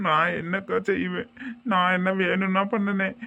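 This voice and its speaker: A woman's voice: on the low side, flat delivery, moderate pace, creaky. A woman playing a helpless young wife who laments her fate in a family skit. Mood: despairing. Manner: lamenting, self-pitying. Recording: tinny phone-like sound.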